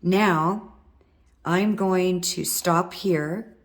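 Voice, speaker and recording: Low, hoarse woman teaching a craft. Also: fairly even intonation, measured pace. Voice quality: husky from vocal cord nodules. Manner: chatty, talks while working with her hands. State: hoarse, worn-out voice. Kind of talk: step-by-step craft tutorial.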